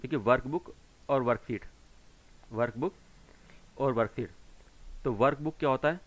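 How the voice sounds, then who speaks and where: A man's voice: mid-range voice, normal speed. A man teaching a computer class to children, patiently walking through each step and answering his own questions as he goes. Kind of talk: screen-recorded tutorial explanation.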